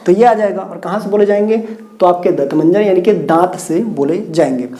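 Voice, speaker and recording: A man teaches a grammar lesson at a board. His voice is mellow and dark, and he keeps repeating points, asking questions and then answering them himself. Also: sits high, a little fast. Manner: repetitive, asks and answers own questions. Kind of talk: whiteboard lecture with mnemonics.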